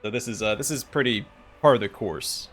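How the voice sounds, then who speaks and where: A man's voice: fairly low pitch, moderate pace, fairly bright tone. Male let's play host, conversational game commentary and read-aloud lines over faint music.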